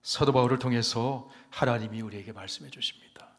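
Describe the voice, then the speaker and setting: This sermon comes from a male pastor with a mid-range voice who talks fairly quickly, and a long reverb tail trails his words through the church sanctuary. Booming declarations give way to almost whispered passages, and he has the congregation say amen and echo his lines.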